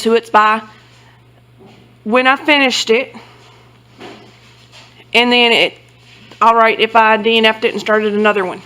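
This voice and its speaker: A woman's voice: a little high, fairly bright tone, poor audio. A woman giving a casual, rambling show-and-tell of her book journal, often correcting herself as she goes. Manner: rambling, self-correcting, loose and chatty. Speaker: book vlogger.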